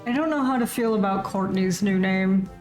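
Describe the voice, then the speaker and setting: A woman's voice: mid-range voice, normal speed, darkish tone, soft background music. A woman streaming a game live, joking casually and reading its lines aloud in a plain voice.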